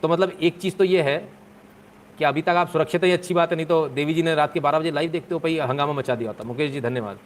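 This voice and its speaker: A man's voice: a little high, fast, slight background noise. A man hosting a live stream, chatting casually with viewers in a joking, sarcastic way.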